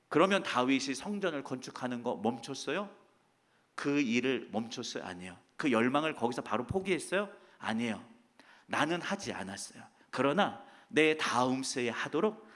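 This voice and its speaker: A man pastor preaching a Sunday sermon in a church, emphatic, swinging between loud declarations and hushed asides. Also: fairly high pitch. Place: church sanctuary.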